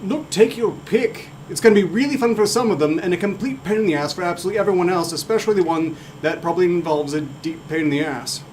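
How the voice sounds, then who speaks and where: A man's voice: high-pitched, fast, few pauses, a little mellow, slight background noise. A man chatting in character in fantasy improv, blunt, swaggering and crude.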